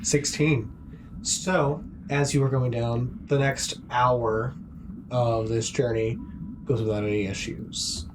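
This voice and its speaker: A man acting as game master, narrating a tabletop game in a measured, descriptive way. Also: medium pitch, steady tone, over music.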